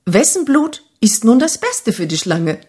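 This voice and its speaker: The Great Spirit of a told fable, a wise father who judges, voiced by a woman narrator. Slow, grave and measured, with a soft husky grain. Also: a little high, very animated, heavily acted. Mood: solemn.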